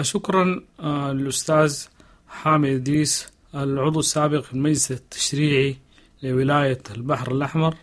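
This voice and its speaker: A man hosting a radio program, thanking guests and signing off in a brisk, formal manner. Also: mid-range voice. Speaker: radio host.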